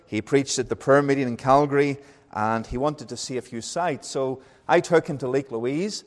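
Northern Irish pastor in a reverberant hall. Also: male voice, medium pitch. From Northern Ireland. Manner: unhurried, friendly, with frequent hesitation fillers. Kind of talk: sermon. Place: church hall. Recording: long reverb of a large hall.

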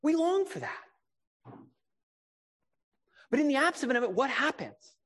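The speaker is a man preaching in a big, echoing hall, his projecting voice sitting high, a bit bright, and husky. He keeps the sermon conversational and casual, makes fun of himself, and frequently asks rhetorical questions.

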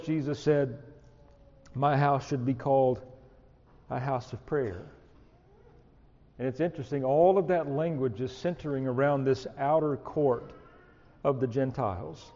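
A man preaching an expository sermon, slow and emphatic, rising on key words. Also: medium pitch, warm tone, in a large hall, dull audio.

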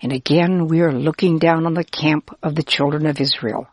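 A woman narrating a children's pretend Bible story, gentle and expressive, speaking as both herself and the listener. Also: low voice, normal speed, breathy edge, no echo, clean studio sound.

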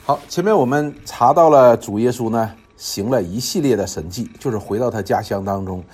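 A man's voice: medium pitch, fairly quick, darkish tone, slightly rough, soft background music. A man teaching a Bible study in a conversational, explanatory way, often repeating phrases and using filler particles.

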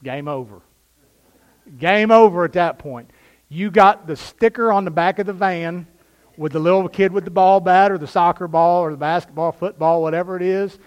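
High-voiced pastor preaching, gets loud then drops way down, lively delivery. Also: male voice, normal speed, lo-fi sound. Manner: dynamic preaching, swinging from loud bursts to quiet asides. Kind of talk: sermon.

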